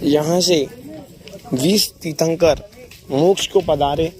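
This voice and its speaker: A man's voice: fairly high pitch, takes it slowly. A man narrating a devotional pilgrimage vlog outdoors on a mountain trail, leading call-and-response chants. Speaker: pilgrimage vlogger. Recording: crowd of pilgrims around.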